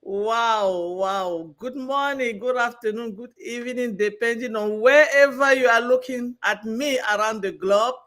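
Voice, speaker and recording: A woman's voice: a little high, a little slow, few pauses, fairly bright tone. A woman from Cameroon, a guest telling her personal story earnestly. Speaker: guest speaker. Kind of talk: personal testimony.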